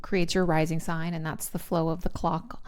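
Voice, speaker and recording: A woman's voice: low voice, level tone, moderate pace, darkish tone, clean tone. A woman with a Texan accent co-hosting a casual podcast, talking through astrology in a chatty way with restarts and easy laughs. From Texas. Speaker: podcast co-host. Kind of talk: casual chat about astrology.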